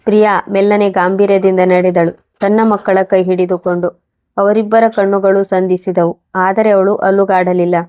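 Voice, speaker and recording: A woman reading a scripted moral story in an even, measured way. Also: medium pitch, highs cut off. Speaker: narrator.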